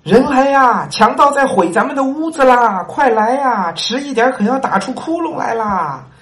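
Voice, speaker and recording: A man's voice: on the high side, animated, normal speed, natural voice. A man voicing a downtrodden male servant who keeps pleading and complaining about his lot. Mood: wailing. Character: downtrodden male servant, whiny and self-pitying.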